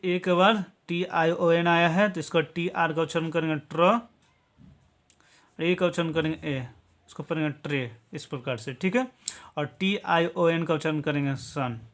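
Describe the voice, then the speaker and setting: A man's voice: fairly high pitch, fairly bright tone. A man from Bihar, India, teaching English to viewers in a patient, step-by-step classroom style, checking in with 'okay?' after nearly every point. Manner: patient step-by-step explaining, tags many lines with 'okay?'.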